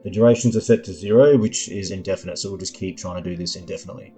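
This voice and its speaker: A man demonstrating his own app in a screen-recording tutorial, explaining each control in an unhurried way, with lots of ums and uhs as he thinks aloud. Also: low voice, warm tone, faint music behind. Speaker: developer demoing his app.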